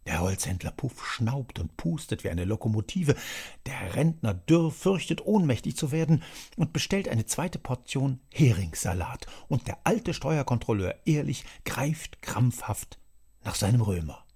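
A man narrating a satirical story in a measured, storytelling manner as an audiobook. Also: mid-range voice, big pitch swings, darkish tone, slightly rough.

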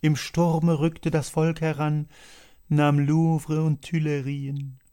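A man voicing an agitated male writer who loudly reads out a letter in a dramatized audiobook. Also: on the high side, level tone, slow pace, clear, resonant tone, voice pushed up. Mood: declaiming. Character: agitated male literary man announcing news.

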